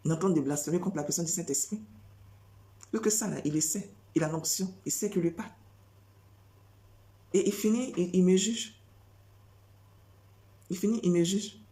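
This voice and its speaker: Insistent woman preacher, low mellow voice. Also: normal speed, long pauses. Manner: insistent, repeats phrases and fires rhetorical questions. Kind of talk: sermon.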